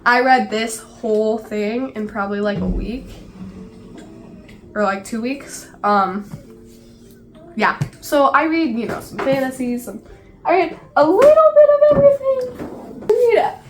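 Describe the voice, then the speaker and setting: A woman with a slightly high voice, congested from a cold, rambles cheerfully about her reading habits. She fills her sentences with "like" and speaks casually from her small home library. Faint music plays underneath. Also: fairly bright tone. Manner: chatty, lots of "like" fillers. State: sick and stuffed up. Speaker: book vlogger. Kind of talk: casual vlog chat.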